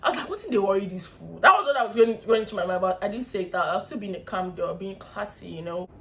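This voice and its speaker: A young woman with a Nigerian English accent tells a casual storytime vlog, animated and laughing often as she mimics other people. Her mid-range voice is creaky and she talks fast.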